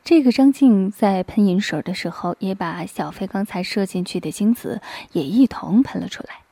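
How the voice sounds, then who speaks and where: A woman reading a story aloud in a soft, breathy half-whisper, close to the microphone. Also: mid-range voice, lively intonation, normal speed, no room sound. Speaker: narrator.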